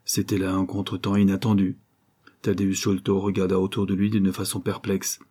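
A man narrating a classic novel as an audiobook, reading in a measured, even way. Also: low voice, breathy edge.

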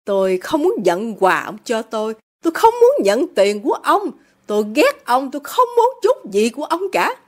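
A woman's voice: on the high side, wildly swooping pitch, normal speed, a little mellow. A woman reading the part of a proud young woman who defies her father, cold and bitter. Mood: defiant.

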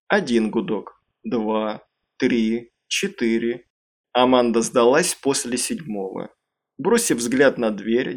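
A man narrating an audiobook in a calm, measured storytelling voice. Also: medium pitch. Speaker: audiobook reader.

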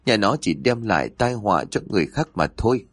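A man's voice: lowish voice, animated, fairly quick, fairly bright tone, breathy edge, dry recording. A man voicing a grieving older mother who wails and scolds through her sorrow. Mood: bitter. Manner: wailing, scolding.

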